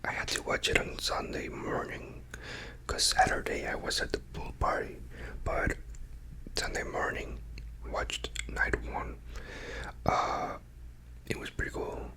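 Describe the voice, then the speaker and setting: Slow, quiet late-night ASMR whisper. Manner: rambling, trailing off between thoughts. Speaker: ASMR creator talking to followers. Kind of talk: whispered ASMR ramble, casual chat.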